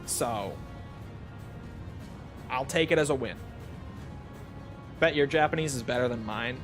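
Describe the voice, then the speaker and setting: This streamer speaks in a medium-pitched, unhurried voice over background music. He replies to viewers in a loose, rambling way, self-deprecating and casually profane while he plays.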